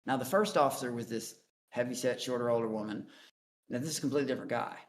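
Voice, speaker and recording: A man's voice: mid-range voice, fast, slight background noise. A man guest on a call-in interview, telling his story in a blunt, profane, rambling way. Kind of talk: casual storytelling.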